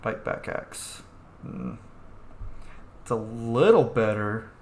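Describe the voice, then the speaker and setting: A man with a fairly low, darkish, expressive voice hosts a gameplay video, speaking slowly and casually while muttering to himself. The recording has a roomy echo and faint background noise.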